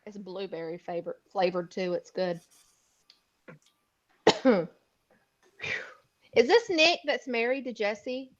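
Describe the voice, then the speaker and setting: A woman's voice: medium pitch, takes it slowly, long pauses. Rambling woman on a lo-fi stream. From Florida. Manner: rambling, a bit foggy, coughing. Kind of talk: casual live-stream chat. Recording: dull lo-fi audio.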